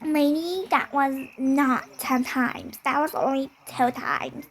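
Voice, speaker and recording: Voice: high-pitched, steady tone, slow. A child voicing an adult woman ice cream seller, with a put-on odd accent and hesitant talk full of "like" and "um". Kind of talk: toy play-acting with a put-on voice. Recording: loud background noise.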